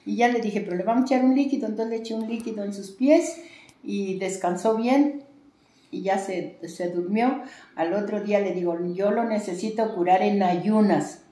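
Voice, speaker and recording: A woman's voice: medium pitch, moderate pace, dark tone, roomy sound. A woman with a Mexican accent, a traditional healer, telling a long story in an interview with many fillers and restarts.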